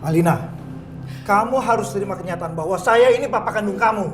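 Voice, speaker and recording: An actor playing a menacing, domineering villainous father who bullies and shouts orders in a TV drama. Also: high-pitched, quick pace, roomy sound, music in the background, natural voice. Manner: harsh, bullying, shouts orders. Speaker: scheming father.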